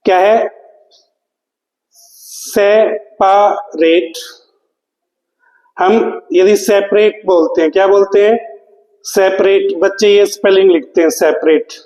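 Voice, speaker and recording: A man's voice: high-pitched, steady tone, moderate pace, warm tone, reverberant, big-room sound, poor audio. A man teaching English spelling to exam students, spelling words out letter by letter and asking the class questions he then answers himself. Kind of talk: exam prep lecture.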